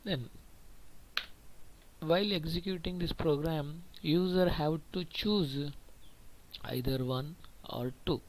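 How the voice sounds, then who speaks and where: Slow, patient male teacher. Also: fairly high pitch, low-quality recording. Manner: patient, repetitive explaining with frequent "okay". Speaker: computer teacher. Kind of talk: screen-recorded programming lesson.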